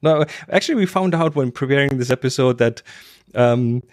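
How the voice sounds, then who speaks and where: A young man hosting a podcast in a casual, upbeat chat, quick to laugh. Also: mid-range voice, no room sound, clean studio sound. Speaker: podcast host.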